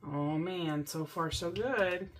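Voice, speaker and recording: A middle-aged woman hosting a casual DIY crafting vlog from a home craft room, gushing and excited as she talks to her viewers. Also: fairly low pitch, takes it slowly. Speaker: crafting channel host.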